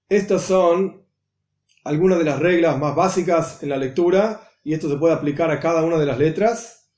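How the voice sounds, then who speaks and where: Patient rabbi explaining rules, echoey room. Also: male voice, on the high side, a little mellow. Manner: patient, methodical, spells out rules and examples slowly. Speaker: rabbi teaching Hebrew reading. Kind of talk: explanatory lesson voice-over.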